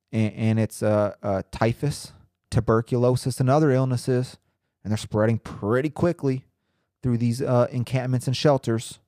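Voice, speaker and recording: Nasal and a little stuffed up from a cold, a young man hosts his podcast in loose, rambling, profane chatter with a relaxed air. His voice is mid-range and warm, captured in a dry, clean studio recording.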